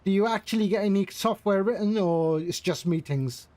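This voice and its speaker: A man's voice: high voice, moderate pace, dark tone, no room sound. A man streaming a flight simulator, chatting casually with his viewers, joking and laughing often. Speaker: flight sim livestreamer.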